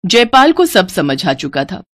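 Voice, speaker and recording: A woman narrating a moral cartoon story in an expressive storytelling cadence. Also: lowish voice, a little slow, dry recording.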